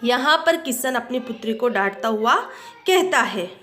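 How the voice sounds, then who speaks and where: A woman's voice: fairly high pitch, animated, moderate pace, a bit bright. A woman teacher explaining a story lesson to a class, retelling each line and patiently explaining word meanings. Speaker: school teacher.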